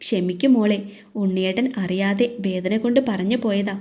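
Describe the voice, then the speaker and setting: A flustered, newly married young man pleads and protests in this storybook tale, voiced by a woman narrator. He sounds embarrassed and rattled. The voice stays mellow and soft. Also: medium pitch, fairly even intonation, normal speed, lightly acted. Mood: apologetic.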